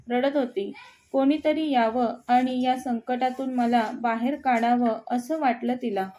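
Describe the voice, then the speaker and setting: A woman narrating a written short story in a steady, measured reading. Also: fairly high pitch, slight background noise.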